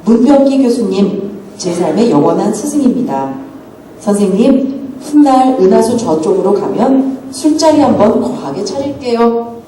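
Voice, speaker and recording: A woman's voice: fairly high pitch, a little slow, slight background noise. A woman hosting a book talk, reading a passage aloud expressively. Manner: expressive, attentive, brief backchannels. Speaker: event host and reader. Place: event hall. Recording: echoey hall recorded from far off.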